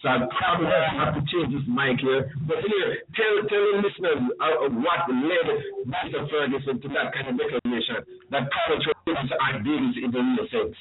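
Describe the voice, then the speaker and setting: A man's voice: medium pitch, noisy background. Man on a distorted, tinny line. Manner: halting, with restarts. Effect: distorted, breaking-up mic. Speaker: radio co-host. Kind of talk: casual call-in radio talk.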